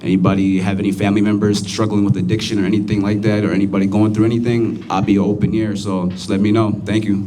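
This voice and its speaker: A man's voice: on the low side, little pitch movement, fast talker, few pauses, dark tone. A young American man speaking earnestly to a youth gathering as a recovery advocate, plain-spoken with fillers. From United States.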